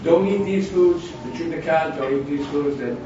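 A man's voice: fairly high pitch, moderate pace, very echoey. Older man leading a rambling Bible study. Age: 60s. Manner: rambling, with frequent restarts and asides. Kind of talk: informal Bible study talk. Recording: distant, dull, noisy room recording.

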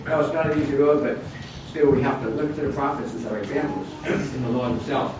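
A man's voice: mid-range voice, fairly quick, heavy reverb. A man in his sixties leading an informal Bible study, rambling with many restarts and asides. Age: 60s. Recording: distant, dull, noisy room recording.

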